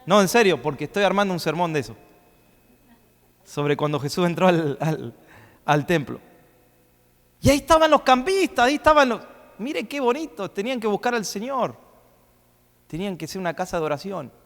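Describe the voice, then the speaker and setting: A man preaching a sermon as pastor, swinging between loud, rising questions and quick asides. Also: sits high, very animated, gravelly. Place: church hall. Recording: long reverb of a church hall.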